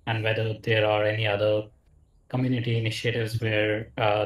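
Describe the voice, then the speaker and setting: A man from India, a software engineer making a polite, measured announcement on a video call. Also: on the low side. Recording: echoey room, distant mic.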